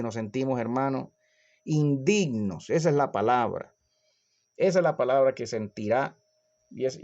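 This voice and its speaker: A man preaches with fervent repetition, often checking in with his listeners. His voice sits at an average pitch. The recording sounds a little dull and lo-fi. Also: mellow. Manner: fervent, repetitive, with tag questions. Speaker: pastor. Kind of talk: sermon.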